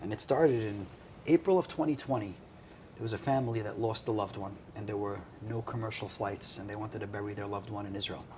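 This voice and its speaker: A man's voice: lowish voice, brisk, noisy background. A man who runs a charity, talking earnestly on a casual talk show, with lots of "you know"s. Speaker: charity CEO, guest. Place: restaurant.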